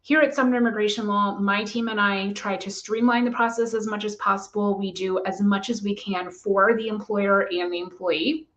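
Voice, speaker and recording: A woman immigration lawyer giving a measured, methodical explanation to camera. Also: mid-range voice, steady tone, fairly bright tone, low-quality recording.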